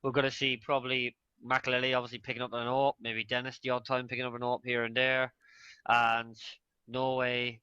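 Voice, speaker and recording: A man co-commentates an esports match in a casual, offhand way, thinking aloud and admitting when he is unsure. His voice is bright and forceful at a middle pitch. It comes through a dull, lo-fi mic with a dry sound. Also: little pitch movement, a little fast, clear, resonant tone, dry recording. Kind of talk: live esports broadcast commentary.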